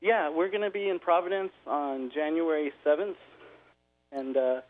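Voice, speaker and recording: A man calling in by phone, chatting casually with many pauses and fillers. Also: on the high side. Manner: relaxed, filler-heavy talk. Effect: heard over a phone line. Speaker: band member calling in. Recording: tinny phone line.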